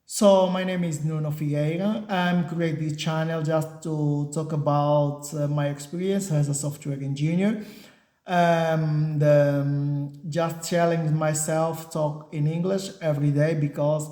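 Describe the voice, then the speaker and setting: This is a slow, hesitant man with a fairly high pitch, a dark tone and flat delivery. He's a software engineer and channel host from a Portuguese-speaking country, a native Portuguese speaker whose English is halting, with many fillers and restarts. The clip is a casual talking-head vlog recorded in an echoey room.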